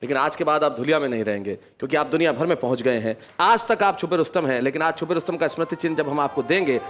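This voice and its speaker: Effusive high-pitched man hosting on stage. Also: quick pace. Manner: effusive, interjecting praise. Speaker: stage show host. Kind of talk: comedy poetry show hosting. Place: stage show before a live audience. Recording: loud music and audience behind stage mic.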